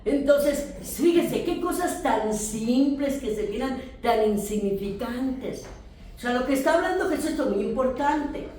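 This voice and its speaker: A woman's voice: high-pitched, unhurried, a little hiss or hum. Mexican woman pastor in an echoey hall. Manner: animated storytelling, addressing listeners directly. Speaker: pastor teaching a class. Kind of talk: sermon-style teaching with testimony. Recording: very echoey room, distant mic.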